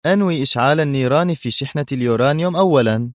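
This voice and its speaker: A man reading a story aloud, voicing a calm, cold and sarcastic male spy hero. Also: mid-range voice, normal speed, dry recording, clean studio sound, voice pushed up, close to an everyday voice.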